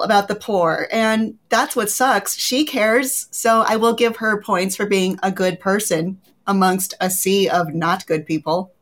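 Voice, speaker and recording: Candid, relaxed woman panelist. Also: medium pitch. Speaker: podcast panelist. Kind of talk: casual chat.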